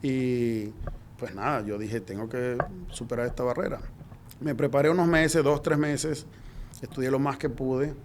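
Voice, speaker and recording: A middle-aged man from Venezuela, a guest in an interview, telling his story in a lively way and acting out the dialogue. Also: medium pitch, measured pace, noisy background. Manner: lively anecdotal, acts out quoted dialogue.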